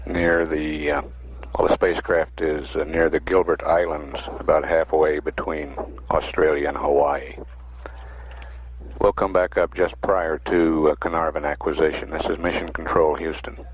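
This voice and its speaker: A man giving official live mission control commentary in a halting, measured way with frequent pauses. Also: a bass voice, level tone, breathy edge. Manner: halting, unscripted, with frequent mid-sentence pauses. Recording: dull lo-fi archival radio feed.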